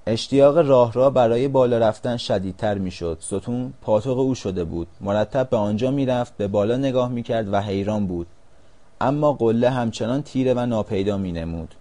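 A man narrating a storybook in a calm, measured reading voice. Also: mid-range voice.

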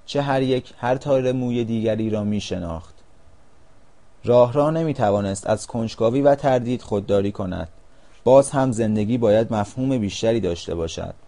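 A man narrating a storybook in a calm, measured reading voice. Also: mid-range voice.

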